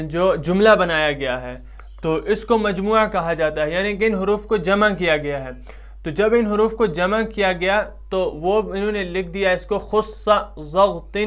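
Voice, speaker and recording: A man with a high, smooth and resonant voice gives a Quran pronunciation lesson in a Pakistani Urdu accent. He talks patiently, drawing out each letter and saying it again and again so listeners can copy it. His teaching is steady and methodical. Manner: patient, repeats letters loudly and slowly to model pronunciation. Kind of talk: tajweed lesson.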